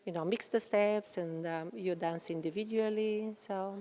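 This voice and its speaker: A woman's voice: medium pitch, fairly even intonation, unhurried, dark tone. Woman in a reverberant hall. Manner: hesitant, many fillers, friendly. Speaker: interviewee, mother and dancer. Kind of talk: casual interview answers.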